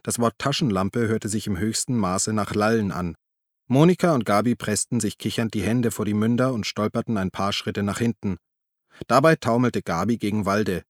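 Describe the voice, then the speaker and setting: Low-voiced male audiobook narrator. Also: moderate pace, dry recording, clean studio sound. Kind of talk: scripted narration.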